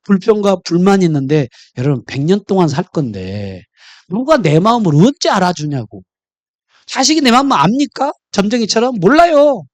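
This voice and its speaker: A male pastor preaches in church, telling jokes and stories between points. His pitch swings widely and lively. The sound is close and dry, with little room echo. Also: normal speed. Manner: humorous, storytelling. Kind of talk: sermon.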